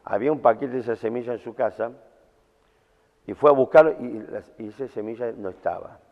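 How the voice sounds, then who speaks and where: A man's voice: medium pitch, fairly quick. A man with a Rioplatense accent preaching a camp sermon in a colloquial, storytelling way. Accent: Rioplatense Spanish. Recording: tinny sound in a reverberant hall.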